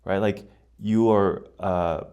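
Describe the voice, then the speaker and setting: An American man appears as a podcast guest in a casual conversational interview, speaking slowly in a low, darkish, smooth voice with fairly even intonation. The sound is lo-fi, and he explains things reflectively, often checking in with the listener.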